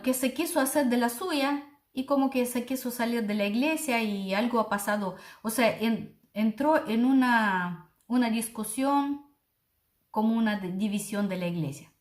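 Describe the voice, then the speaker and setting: A woman's voice: fairly high pitch, echoey room. Earnest middle-aged woman giving testimony. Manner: earnest, heartfelt, addresses listeners as brothers and sisters. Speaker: missionary preacher. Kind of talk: personal testimony to a congregation.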